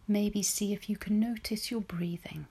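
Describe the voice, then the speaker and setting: A woman leading a guided relaxation meditation in a soft, breathy spa-like whisper, soothing and gentle, with long pauses. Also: medium pitch, fairly even intonation.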